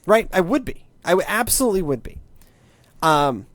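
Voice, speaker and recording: A man in his late twenties talks tech on a casual podcast. His voice swings widely in pitch as he rambles wryly, often restarting his sentences. The sound is dry and close, with no room around it. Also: normal speed, no room sound. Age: late 20s. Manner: animated, wry, rambling with restarts. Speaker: podcast co-host, tech commentator.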